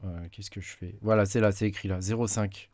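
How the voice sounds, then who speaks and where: A lower-pitched man talks through a computer tutorial in a relaxed, halting way, filling pauses as he clicks. His voice is close and dry at a desk mic, with keyboard typing now and then behind him. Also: dry recording. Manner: hesitant, many fillers, talks while clicking. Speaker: tech YouTuber. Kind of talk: casual screen-recorded tutorial.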